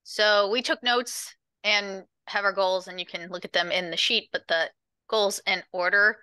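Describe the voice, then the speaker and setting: A woman's voice: medium pitch, fairly even intonation, a little slow, bright, forceful tone, clear, resonant tone, no room sound. A woman reporting her group's goals in an online meeting, reading steadily through notes. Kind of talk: meeting report-out on a video call. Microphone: video call.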